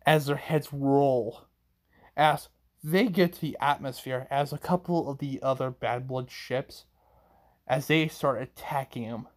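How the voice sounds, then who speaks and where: A man's voice: medium pitch, measured pace. A man improvising a fan-fiction story aloud, rambling through the action and restarting his sentences often. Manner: rambling, chains events with "as", frequent restarts.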